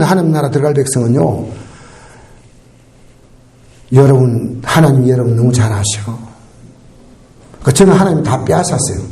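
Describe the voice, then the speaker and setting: A male pastor delivers a Sunday sermon with a high, lively voice that leaps up for emphasis and drops low for asides. He keeps calling out to the congregation and asks them to answer back. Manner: animated, call-and-response with the congregation. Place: church sanctuary.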